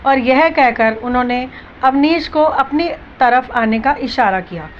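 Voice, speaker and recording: A woman's voice: high-pitched, unhurried, lo-fi sound, slight background noise. A woman narrating a dramatic story and voicing its characters' dialogue in her own voice.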